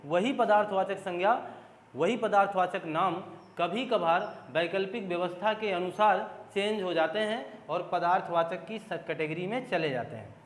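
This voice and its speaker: A man's voice: high-pitched, moderate pace. A man teaching an exam-prep grammar lesson, explaining step by step, repeating key points and putting questions to his students. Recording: echoey room with long reverb.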